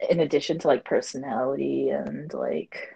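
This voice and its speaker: A woman's voice: rumbling low, moderate pace, gravelly, mellow, slightly rough, poor audio. A woman in her twenties, co-hosting a casual podcast chat, rambling with lots of fillers. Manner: rambling, filler-heavy, frequent laughter. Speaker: podcast co-host.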